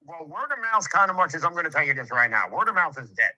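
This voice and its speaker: A man's voice: fairly high pitch, very animated, fast talker, sharp tone, poor audio. A brash man, a home improvement contractor lecturing in casual, streetwise talk with swearing and acted-out quotes. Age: 50s. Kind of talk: casual sales conversation.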